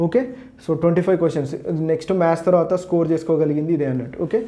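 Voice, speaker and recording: Quick, higher-voiced Telangana Telugu man mixing English. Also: fairly even intonation, warm tone. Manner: mixes Telugu with English words and phrases; explanatory, repeats "okay, so" as a linking phrase. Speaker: exam prep teacher. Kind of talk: informal exam syllabus walkthrough.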